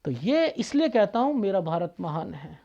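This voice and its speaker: A man's voice: high voice, sing-song, normal speed, gravelly, dark tone, dull audio. A man, a palmist, talking casually and bluntly to his viewers, lecturing and scolding them. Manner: blunt, straightforward talk.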